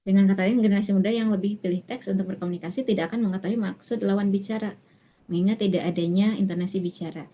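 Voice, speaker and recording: A female tutor explains a reading passage patiently in an online class, pausing often with fillers and restarts. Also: medium pitch, fairly even intonation, dark tone. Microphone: online class recording. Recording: muffled lo-fi online class audio.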